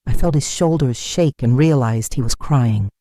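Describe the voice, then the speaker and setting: A woman reading a scripted first-person story in an even, measured way. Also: extremely low pitch, dry recording, studio quality.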